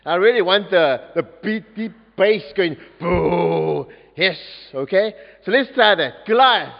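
A man's voice: sits high, moderate pace. A man leading an interactive children's story at a church service, coaxing the audience to join in with actions. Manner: animated, coaxing audience participation. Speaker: youth leader telling a story at a service. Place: large church. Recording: dull echoey church recording.

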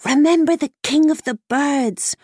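A woman's voice: high-pitched, dry recording, clean studio sound, voice pushed up. A woman doing a wise enchanted mare. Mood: urging. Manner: slow, hushed counsel.

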